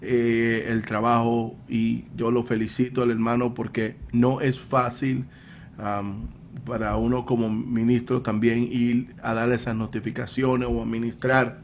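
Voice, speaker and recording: A man who is a chaplain and Pentecostal pastor, telling a story on a panel in a slow, halting way with many fillers and repeats. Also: medium pitch, little pitch movement, slight background noise.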